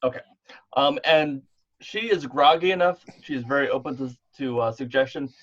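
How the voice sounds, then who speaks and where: A man's voice: mid-range voice, moderate pace. A man narrating as game master of a tabletop game played over an online call, thinking aloud as he goes. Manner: laid-back, thinks aloud while narrating. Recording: dull lo-fi online call audio.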